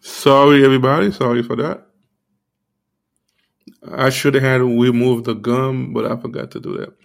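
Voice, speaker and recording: A man giving an earnest, informal sermon, repeating himself often and filling pauses with "you know". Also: medium pitch, steady tone, gravelly. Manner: earnest, repetitive, many fillers like "you know". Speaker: preacher.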